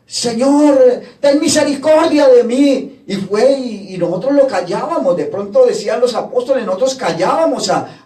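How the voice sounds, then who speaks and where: A man's voice: very high voice, darkish tone. A man preaching a sermon, retelling gospel scenes and voicing the people in them. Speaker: pastor. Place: church hall. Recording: echoey church from far off.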